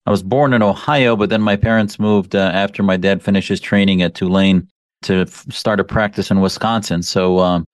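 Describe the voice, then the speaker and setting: A man from the American Midwest, a physician guest on a radio interview, speaking in a measured way with frequent pauses. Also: deep voice, fairly even intonation, no echo. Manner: measured, many uh fillers.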